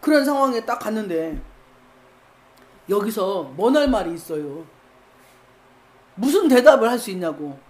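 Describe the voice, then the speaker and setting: A woman preacher delivering a sermon with animated storytelling, acting out scenes as she goes. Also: medium pitch, moderate pace, long pauses.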